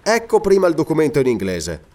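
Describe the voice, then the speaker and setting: Man voicing a authoritative lord, measured, methodical, lively storybook reading. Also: fairly high pitch, pitched above the performer's own voice. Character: calm authoritative Scottish lord, methodical leader.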